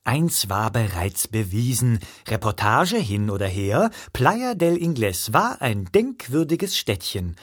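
Brief: male narrator for a comic audiobook, wry and lively in pitch. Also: takes it slowly, hardly any pauses, husky. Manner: expressive, wry storytelling.

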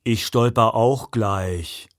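Brief: brawny, bullying holidaymaker, read by a man, slow and threatening. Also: on the low side. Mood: menacing. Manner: slow, menacing drawl. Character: huge, bullying, tanned male tourist.

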